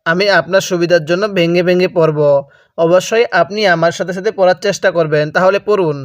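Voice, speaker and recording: A man with a Bangladeshi Bengali accent teaches Quran recitation, moving slowly through the words syllable by syllable. His fairly high voice is smooth, clear, and steady in tone, recorded up close and dry without any room sound or echo. He is patient, splitting words into syllables and having listeners repeat after him.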